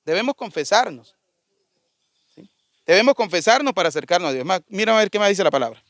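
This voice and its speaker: High-voiced priest preaching. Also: male voice, expressive, fast talker, fairly bright tone, no room sound, clean studio sound. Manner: conversational, asks the congregation questions. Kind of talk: sermon.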